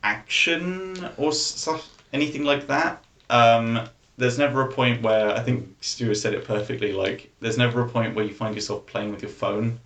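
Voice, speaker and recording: A man co-hosting a casual podcast, speaking in a measured, hedging way with frequent ums. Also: mid-range voice, fairly bright tone, echoey room. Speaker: podcast co-host. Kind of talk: casual chat.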